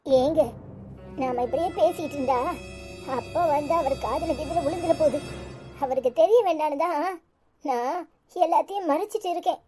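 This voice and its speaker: An anxious young wife from a Tamil cartoon serial, played by a woman, indignant and protective, with a Tirunelveli accent. Her voice is extremely high and piping. She urges and pleads in quick bursts. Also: warm tone, faint music behind, natural voice. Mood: upset.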